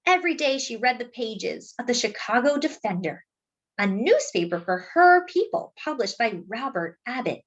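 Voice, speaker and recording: Reading a children's book to listeners, a woman takes on the storyteller's role with expressive delivery, measured phrasing, and stretched words for emphasis. Her pitch is fairly high, and the top end of the recording is cut off.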